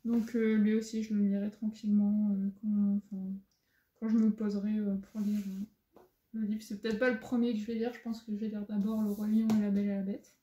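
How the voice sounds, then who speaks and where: A woman's voice: medium pitch, flat delivery, a little fast, warm tone. A young woman vlogger chatting casually, with many fillers and frequent laughs. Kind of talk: casual chat. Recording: echoey room.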